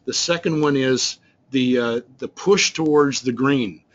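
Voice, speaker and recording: In an unhurried, medium-pitched voice, a male business trainer goes over slides for a recorded webinar. His talk is loose and meandering, peppered with fillers and restarts, and the recording is lo-fi.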